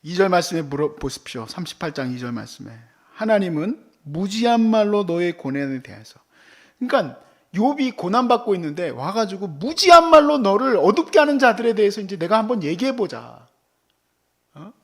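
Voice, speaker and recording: A man preaching a sermon, dropping to near whispers and then rising to loud, exclaiming outbursts, acting out the voices of the people in his story. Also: high-pitched, sing-song, fairly quick. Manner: acts out God's and friends' voices in the sermon. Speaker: pastor. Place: church service.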